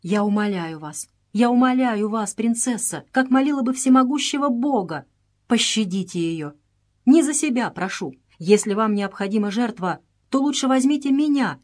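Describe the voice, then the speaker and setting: A woman's voice: on the high side, expressive, normal speed, a little mellow. A woman reading an audiobook voices a devoted young girl who begs for her sister's life. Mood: pleading. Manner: begging, tender.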